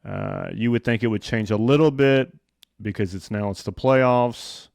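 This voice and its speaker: A man hosting a casual sports chat, talking like an excitable fan. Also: on the low side, measured pace, gravelly, dry recording, clean studio sound. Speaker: podcast host.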